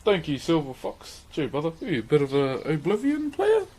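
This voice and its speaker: Man with broad Kiwi accent, slightly high voice. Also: huge pitch swings, normal speed, darkish tone, slight background noise. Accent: broad New Zealand. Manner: laid-back, matey, slangy. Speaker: livestream host. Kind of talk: casual livestream chat.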